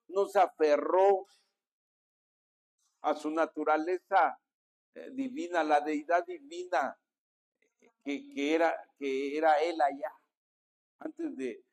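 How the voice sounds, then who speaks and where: A Mexican pastor preaching a sermon in a notably high voice. He speaks at an unhurried, deliberate pace and keeps calling on the congregation to answer and repeat his words. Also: darkish tone. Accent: Mexican Spanish. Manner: preaching with call-and-response to the congregation.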